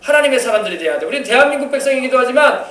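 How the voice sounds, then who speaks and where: A pastor with a South Jeolla accent giving a children's sermon, asking the children questions and waiting for their answers. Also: male voice, extremely high pitch, animated, racing, bright, forceful tone. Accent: Korean, South Jeolla (Yeosu). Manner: asks the children questions and waits for replies. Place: church sanctuary. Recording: echoey church hall, voice from far off.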